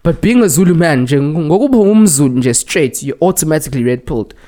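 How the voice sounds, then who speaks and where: Animated high-pitched young man, roadman-style slang. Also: quick pace. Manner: animated, slangy, repeats words for emphasis. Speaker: podcast host. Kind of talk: casual banter with London roadman-style slang.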